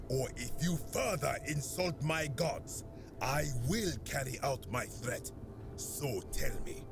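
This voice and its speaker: Stern zealot, slow and lively-pitched. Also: male voice, vocal fry, full character voice. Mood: stern, suspicious. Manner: solemn, threatening, theatrical. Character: stern menacing zealot guarding the underworld god's honor. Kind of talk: dramatic video game dialogue.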